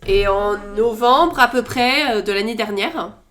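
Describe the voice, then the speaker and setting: A woman's voice: on the high side, a bit bright. A woman interpreting a religious talk phrase by phrase, sometimes correcting herself mid-word. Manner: quick, with small self-corrections. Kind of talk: consecutive interpreting of a sermon.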